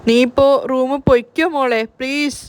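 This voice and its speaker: A woman voicing a grieving middle-aged mother who scolds and pleads through her distress, speaking slowly. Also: high voice, steady tone, dry recording, lightly acted. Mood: anguished. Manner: slow, anguished scolding.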